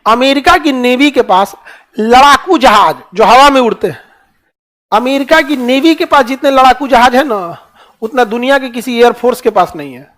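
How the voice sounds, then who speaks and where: A man's voice: extremely high pitch, lively intonation, normal speed, fairly bright tone. A man teaching a classroom lecture in colloquial Hindi with a Bihari accent, often asking his listeners rhetorical questions.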